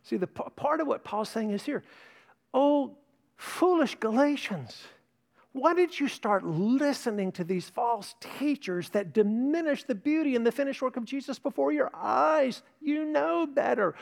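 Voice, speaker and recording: In a fairly high voice, an older male pastor preaches earnestly and emphatically, piling up repeated words to drive each point home to his congregation. His intonation is lively, his pace unhurried, and there's vocal fry. He mentions tinnitus, though it isn't a trait of his voice.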